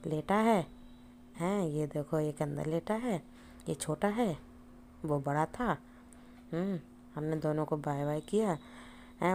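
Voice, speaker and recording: Chatty woman vlogger, low voice. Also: dark tone, a little hiss or hum. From India. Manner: chatty, repeats "हैं" and "hmm" as fillers. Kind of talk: casual family vlog narration.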